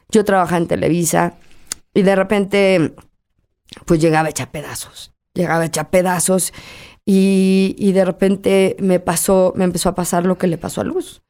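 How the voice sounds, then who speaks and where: A woman's voice: mid-range voice, a little mellow. A middle-aged woman with a Mexican accent, a guest in an interview, telling a personal story candidly and emotionally, acting out the dialogue as she goes.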